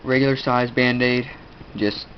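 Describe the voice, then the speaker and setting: A teenage boy with a stuffed-up nose hosts a video, casually showing off his gear. His voice is medium in pitch with fairly even intonation, and he rambles haltingly with many fillers. The lo-fi audio is dull, with faint room noise.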